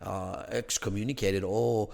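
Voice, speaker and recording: Speaking unhurriedly in a fairly low, steady, creaky voice with a darkish tone, a man raised in Greece explains religious history as a theology academic guesting on a podcast. His conversational delivery is thoughtful, full of restarts and "you know," and rises in emphasis on key points, while a long reverb tail hangs behind him.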